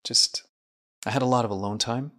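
A man's voice: medium pitch, fairly even intonation, brisk, a bit bright. A man, a guest speaking in an earnest, introspective way, with small restarts. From Saudi Arabia. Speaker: guest, mind researcher and coach. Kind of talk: reflective interview talk.

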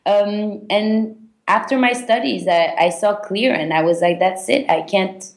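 Interviewed as a podcast guest, a woman from Belgium pauses often and fills gaps with filler words as she reflects. She has a mid-range voice, and the recording has a roomy sound.

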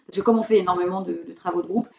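A young woman giving informal, halting explanations as a student guest in a casual interview. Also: fairly low pitch, steady tone, creaky, a little mellow, slight background noise. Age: young adult. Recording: roomy, distant, dull, background chatter.

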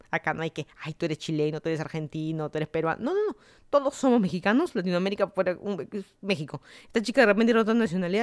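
A man's voice: sits high, clear, resonant tone. A man talks through the week's news as a podcast host. His delivery is casual and musing. He thinks aloud and often breaks off to restart a sentence. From Peru. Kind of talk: casual news commentary monologue.

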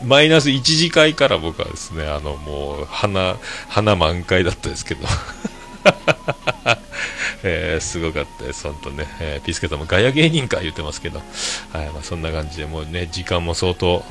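A man with a hoarse voice, hosting his own show and chatting casually to listeners with many fillers and chuckles. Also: low voice, a bit bright. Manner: rambling, many fillers, laughs at own jokes. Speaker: podcast host. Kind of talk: casual solo chat to listeners.

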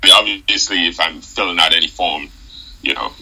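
A man's voice: deep voice, normal speed, pushed and bright, slightly rough, rough recording. A young man from Nigeria with a slight Nigerian accent, a seminary student speaking thoughtfully as a podcast guest, with hesitant restarts. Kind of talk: casual conversation.

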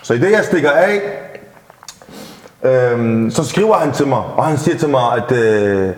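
A man's voice: mid-range voice, expressive. A man talking as a podcast guest, telling a story in a candid, rambling way, swearing casually and repeating words. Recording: reverberant room with long echo.

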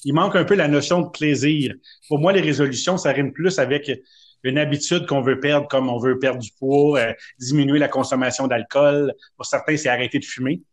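A man's voice: mid-range voice, steady tone, brisk. A man with a Québécois French accent co-hosting a podcast, talking casually and telling stories with a self-mocking humor. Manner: chatty, self-mocking, storytelling. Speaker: podcast co-host. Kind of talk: casual chat.

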